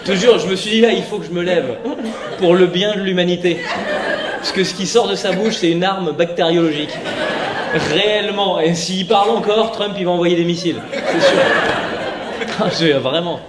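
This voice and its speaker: A man's voice: high-pitched, moderate pace, a crowd in the background. A man in his thirties doing a stand-up comedy set in a chatty, rambling, self-mocking way, on stage before a live audience. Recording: echoey venue with loud noise.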